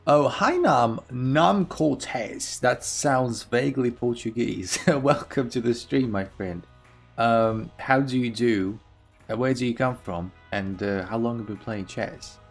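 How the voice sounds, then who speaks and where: A young man from Belarus streams chess from home, chatting casually and reading his viewers' messages aloud as he answers them. His mid-range voice is a little slow, with faint music in the background.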